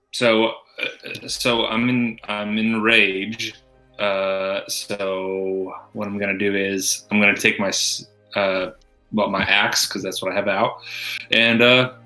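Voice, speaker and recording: Man playing a tabletop game, lowish bright voice, easygoing, slangy. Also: rough recording. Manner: easygoing, slangy, thinking aloud. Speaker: player. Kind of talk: casual chat at a tabletop game.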